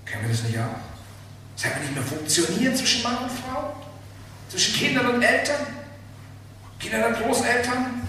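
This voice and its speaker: A man preaching a sermon, emphatic and animated, asking the listeners rhetorical questions. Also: very high voice, moderate pace, long pauses, far from the mic. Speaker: pastor. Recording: very echoey hall, speaker off-mic, faint room noise.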